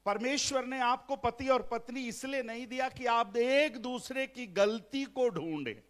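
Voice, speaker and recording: A man's voice: very high voice, a little slow, a bit bright. A middle-aged man preaching as a pastor at a family seminar, mixing in English phrases and joking with the congregation. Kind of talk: Hindi sermon at a family seminar. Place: church hall.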